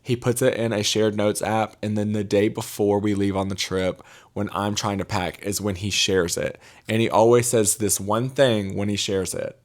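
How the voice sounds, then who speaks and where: Low-pitched young Mississippi man, chatty vlogger. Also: little pitch movement, moderate pace. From Mississippi, United States. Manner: gossipy, emphatic, confiding asides to viewers. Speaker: travel vlogger. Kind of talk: casual chatty storytime vlog.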